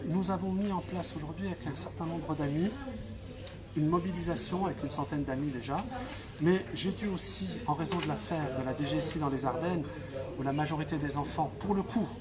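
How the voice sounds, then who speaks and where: A man's voice: a little high, brisk, a loud crowd. A man from Franche-Comté answering interview questions with fiery emphasis, often restarting and repeating himself. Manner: impassioned, emphatic, with frequent restarts and repetitions. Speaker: activist being interviewed.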